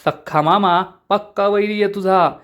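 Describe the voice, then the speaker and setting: A man's voice: high-pitched, steady tone, normal speed, a bit bright, clean tone. Male reader as a strict, scolding mother. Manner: scolding, furious. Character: angry strict village aunt and mother.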